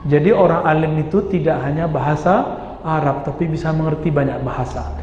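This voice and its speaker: A man preaching a sermon in a mosque, lively and posing rhetorical questions to his listeners. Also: fairly high pitch, brisk, a little hiss or hum. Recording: echoey hall, dull sound.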